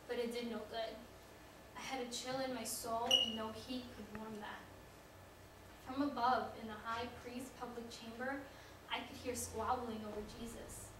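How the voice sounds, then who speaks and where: Guilt-ridden apostle acted by a woman on a church stage, highish voice, big hall echo, mic far off. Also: close to an everyday voice. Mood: somber. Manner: earnest, building to pleading cries. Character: remorseful male apostle, ashamed and anguished. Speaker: church drama actor. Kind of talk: dramatic stage monologue. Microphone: far room mic. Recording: very echoey hall, distant mic, noisy.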